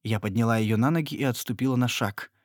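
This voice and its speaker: A man reading a novel aloud in scripted narration, even and measured. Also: medium pitch, dry recording, studio quality. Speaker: audiobook reader.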